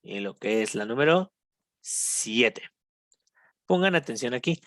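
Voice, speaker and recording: A teacher with a Mexican accent, patiently explaining English grammar in a recorded lesson, slowing down for each English example and checking in with the students. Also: mid-range voice, lively intonation, a bit bright, no room sound, clean studio sound. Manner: switches between Spanish and slow English examples.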